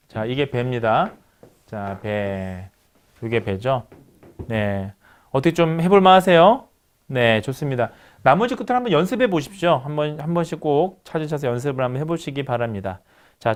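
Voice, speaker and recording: A middle-aged male lecturer with a slightly high voice teaches phonetics in a calm, patient way. He says sample words slowly and repeats them so the class can practice each sound. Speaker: university lecturer.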